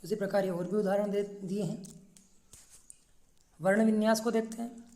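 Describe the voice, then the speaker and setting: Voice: mid-range voice, fairly even intonation, normal speed, warm tone, roomy sound. A teacher giving a classroom lesson, patiently breaking words into single letters and sounds. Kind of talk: classroom lesson, spelling out syllables.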